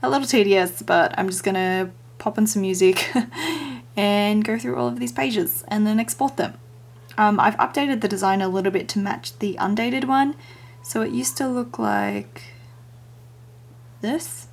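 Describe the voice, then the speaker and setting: Woman vlogger, hushed and half-whispered, croaky morning voice with plenty of fry, chatting casually in her small studio. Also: medium pitch, measured pace. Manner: talking quietly, half-whispering. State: groggy early-morning voice. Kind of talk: casual chat while working.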